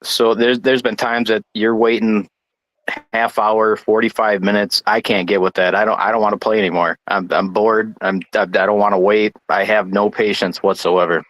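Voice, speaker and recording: A man from Michigan, a guest darts player, chatting casually and haltingly, with lots of restarts and fillers. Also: fairly low pitch, level tone, fairly bright tone, poor audio. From Michigan, United States. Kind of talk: casual chat.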